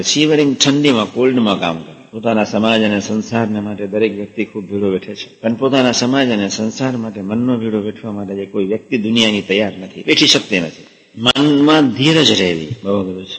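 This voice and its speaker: A man's voice: lowish voice, a bit bright. A man giving a sermon, telling a personal story in an earnest, emphatic way and repeating key words for stress. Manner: drops English words into his talk. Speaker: spiritual teacher giving a discourse. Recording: long reverb of a large hall.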